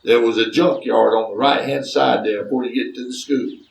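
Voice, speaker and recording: With a steady, creaky mid-range voice and a slightly fast pace, this Southern-accented man shares a folksy family tale full of drawling asides. He hails from Chambers County, Alabama, and sounds distant from the mic in a roomy recording.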